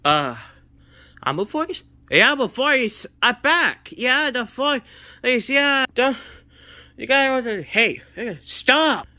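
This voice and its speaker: A man voicing toys in a playful, improvised scene, excitable and stammering, jumping between high yelps and lower grumbles. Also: takes it slowly, no echo. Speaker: hobby video maker voicing toy figures. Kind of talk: playful improvised toy voice play.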